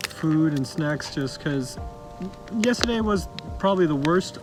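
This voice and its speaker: Higher-voiced man chatting casually on a vlog. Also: lively intonation, a little slow, poor audio. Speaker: vlog co-host. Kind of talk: casual couple vlog chat. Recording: music behind speech.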